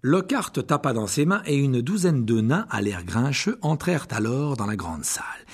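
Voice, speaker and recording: A male audiobook narrator telling the story in scripted narration. His voice is husky and mid-pitched. The pitch moves around a lot as he tells it. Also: moderate pace. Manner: expressive storytelling.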